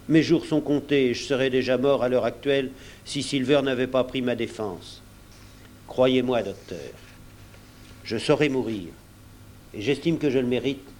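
A man's voice: medium pitch, unhurried, pauses often, darkish tone, slight background noise, close to an everyday voice. A man reading as an honest, loyal young boy, speaking earnestly.

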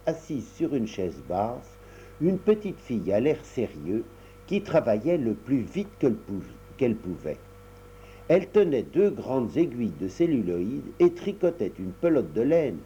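A man reading a children's story aloud in an animated way, with sound words. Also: medium pitch, a little hiss or hum. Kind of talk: expressive storybook narration. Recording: dull lo-fi recording.

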